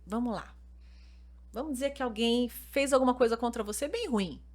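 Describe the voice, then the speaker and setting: Brazilian woman pastor chatting on a podcast, earnest, tells stories, kinda high voice. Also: normal speed. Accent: Brazilian Portuguese. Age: adult mother. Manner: earnest, explains with lively retold anecdotes. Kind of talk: casual podcast conversation with storytelling.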